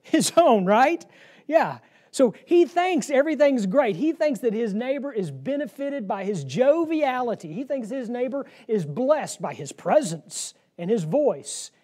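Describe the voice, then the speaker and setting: High, mellow-voiced man teaching Bible. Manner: lively, joking, quick to laugh. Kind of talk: interactive Bible lesson. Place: room with a class.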